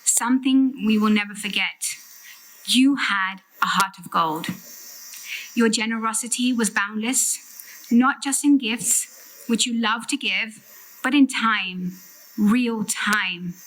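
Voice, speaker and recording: A woman speaks at a farewell in a fairly high voice. Her eulogy is heartfelt and deliberately phrased, with emphasis placed on key words. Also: fairly bright tone, low-quality recording. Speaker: sister giving a farewell eulogy. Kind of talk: prepared eulogy speech.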